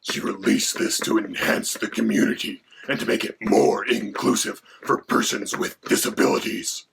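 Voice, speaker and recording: A haughty, hungry male dragon, voiced by a man, speaking low in a rough, creaky, breathy rasp. He delivers facts in a lofty, deadpan way. The recording carries a steady hiss of background noise. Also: moderate pace, rough recording. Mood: lecturing. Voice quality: gravelly, creaky, partly whispered. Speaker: co-host.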